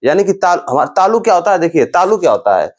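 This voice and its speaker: A male grammar teacher with a lively, slightly high voice gives a classroom-style lecture. He is patient and repetitive, explaining slowly, repeating sounds and terms, and often saying "dekhiye".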